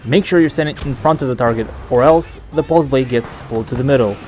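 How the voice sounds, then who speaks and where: A man narrates a scripted gaming guide as its host. His voice sits at an average pitch for a man. The home recording carries faint noise behind him. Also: quick pace, darkish tone.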